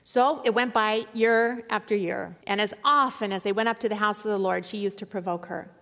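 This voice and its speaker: A woman's voice: medium pitch, brisk. A middle-aged woman teaching a Bible study as a sermon, with dramatic readings of scripture. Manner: expressive, reads scripture in a rising dramatic voice. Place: large room with a seated audience. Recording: long hall reverb.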